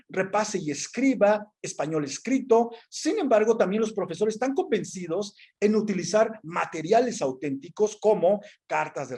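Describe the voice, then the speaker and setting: Giving an academic talk on language teaching, a man with a high-sitting, slightly rough, a little mellow voice walks through his results one at a time. His methodical listing is dotted with fillers and frequent restarts.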